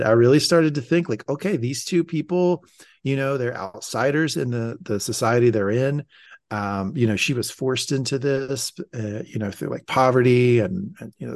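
A man's voice: mid-range voice, no room sound, studio quality. A man hosting a casual podcast chat, wry and sarcastic, swearing casually. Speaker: podcast host.

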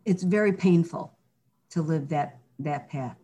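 Speaking low, a little slowly, with a mellow, breathy edge, a middle-aged woman gives a candid personal interview. Earnest and reflective, she often restarts her sentences and peppers them with "you know."

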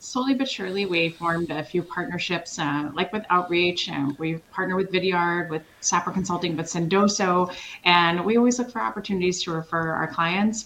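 A middle-aged woman with a lowish voice talks in an energetic, emphatic way and laughs easily. She is from Switzerland and answers interview questions as a consultancy founder. A faint hum of room ambience sits behind her. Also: fairly quick, rough recording. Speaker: sales consultancy founder, guest.

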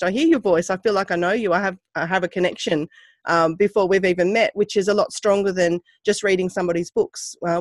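A woman's voice: lowish voice, dry recording. Woman guest on a dry-sounding podcast. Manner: thoughtful, gives practical explanations. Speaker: guest author and self-narrator. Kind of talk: casual podcast interview.

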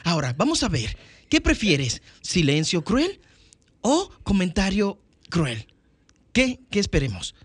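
A man voicing a brash, wisecracking male antihero in a loud, sarcastic delivery, his voice pushed far above his own. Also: high-pitched, wildly swooping pitch, measured pace, slightly rough, dry recording, voice pushed up, heavily acted. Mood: mocking. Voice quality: shouty, sarcastic.

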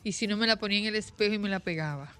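Bright-voiced middle-aged woman reminiscing. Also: medium pitch, very fast, faint music behind. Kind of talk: casual chat.

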